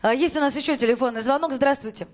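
Woman, fairly high voice, live radio call-in host, talk show presenting. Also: fast.

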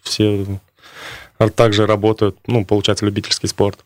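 A man's voice: fairly low pitch, completely flat delivery, moderate pace, dry recording. A man answering casually as a coach in a radio interview, in short, hesitant phrases. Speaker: sports coach, interview guest. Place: radio studio.

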